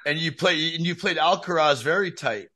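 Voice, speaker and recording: A man's voice: on the high side, moderate pace, bright, forceful tone. A man interviewing a tennis player, asking short, eager questions.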